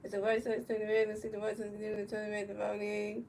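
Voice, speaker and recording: Speaking very fast at medium pitch, a woman from the United States calls a baseball video game in a totally flat voice, cycling set phrases, restarting lines and addressing her chat viewers. She is some distance from the mic, with faint hiss underneath.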